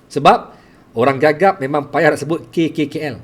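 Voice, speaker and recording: A man's voice: a little high, normal speed. A middle-aged Malaysian man, a teacher telling his own story to listeners, speaking earnestly with a heavy stutter, repeating sounds and blocking on words. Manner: earnest, addresses listeners as tuan-tuan. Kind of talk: personal storytelling to an audience.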